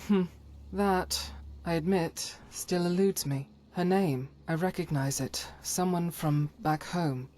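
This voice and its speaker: Speaking as a voiced follower in a fantasy game mod, a woman portrays a stern, devout holy warrior with hidden doubts in solemn, formal scripted dialogue. Her lowish, darkish voice takes its time with few pauses, sounding guarded and resolute.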